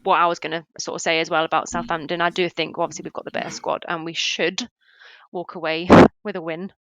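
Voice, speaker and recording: Lady hosting a footy podcast, chatty, laughs a lot, lowish voice, dry sound. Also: level tone, quick pace, fairly bright tone, no echo, muffled recording. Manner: laughs easily, loose and chatty. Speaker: podcast host. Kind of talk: casual football podcast chat.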